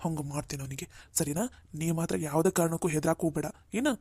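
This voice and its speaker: A woman's voice: deep voice, steady tone, fast talker, warm tone, husky, dry recording. Woman voicing a protective cartoon older brother. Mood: reassuring. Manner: firm, reassuring, repeats "all right?". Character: protective older brother, young man, firm and caring. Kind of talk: cartoon voice acting.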